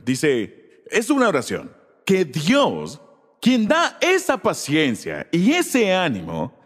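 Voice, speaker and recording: High, lively-voiced male preacher. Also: big-room sound. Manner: preaching with frequent rhetorical check-ins to the congregation. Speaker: pastor. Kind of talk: sermon.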